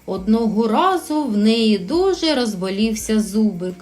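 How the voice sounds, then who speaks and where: Slow, sing-song woman teaching small children. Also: on the high side, expressive, darkish tone. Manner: slow, sing-song and encouraging, drawing out sounds. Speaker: preschool teacher. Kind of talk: recorded lesson for young children.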